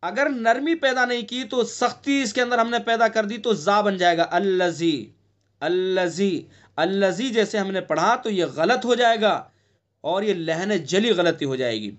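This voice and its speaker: During an online lesson, this recitation teacher from India patiently explains before slipping into extended, drawn-out chanted passages. He has a high, slightly bright voice, heard through a muffled recording.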